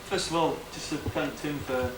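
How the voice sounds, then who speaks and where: A man's voice: fairly high pitch, fairly even intonation, moderate pace. Hesitant man, echoey noisy room. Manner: hesitant, self-deprecating, informal. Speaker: best man giving a wedding speech. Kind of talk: unscripted speech, reading out greeting cards. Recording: echoey room, distant mic, noisy background.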